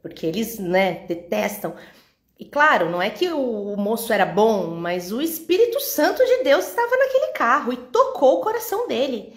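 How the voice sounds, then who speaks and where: A woman's voice: fairly high pitch, moderate pace. Woman telling a story in a roomy echo. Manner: lively storyteller who acts out the dialogue; talks straight to a women's audience. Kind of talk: Bible teaching with personal story.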